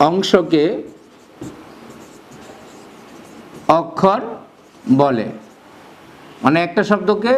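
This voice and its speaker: High-voiced guy teaching grammar, slow repeats, keeps quizzing. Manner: repeats key words slowly and quizzes the listener. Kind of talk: classroom grammar lesson.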